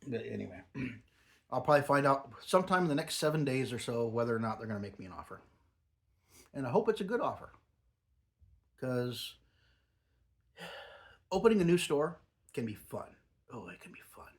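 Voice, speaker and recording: Speaking in a sing-song, mid-range voice at normal speed, the middle-aged or older grandfather leaves long pauses as he rambles. He's a casual home product reviewer with a lip full of dip.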